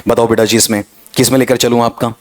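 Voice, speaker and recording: A middle-aged man, teaching an exam-prep English grammar lesson. He keeps firing rhetorical questions at his students and reads the example sentences slowly and deliberately. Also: mid-range voice, level tone.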